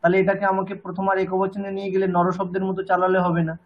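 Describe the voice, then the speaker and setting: A man teaching a language class online with a Bengali accent, patiently correcting students and slowly repeating words. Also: high voice, monotone, muffled recording.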